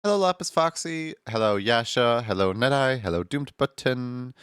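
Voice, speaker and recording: Congested male streamer, clear close voice. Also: medium pitch, expressive, moderate pace, a bit bright, no echo. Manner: rambling, laughs often, greets chat members by name. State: congested morning voice. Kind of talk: casual live-stream chat.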